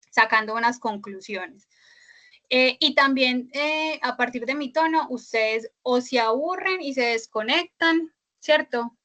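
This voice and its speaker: Bright-voiced woman teaching an online class. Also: on the high side. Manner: explanatory, many "eh" fillers and tag "¿cierto?". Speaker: instructor.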